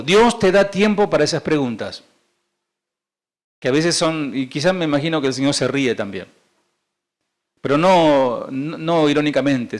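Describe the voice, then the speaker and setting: Emphatic Rioplatense man preaching. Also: fairly high pitch. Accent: Rioplatense Spanish. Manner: emphatic preaching with rhetorical questions and sudden drops to soft asides. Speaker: pastor. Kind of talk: sermon. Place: church sanctuary.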